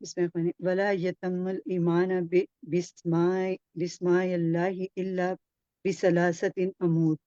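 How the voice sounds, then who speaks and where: A woman student reading aloud in an online class, hesitant and slow. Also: fairly low pitch, level tone, mellow, no room sound, lo-fi sound.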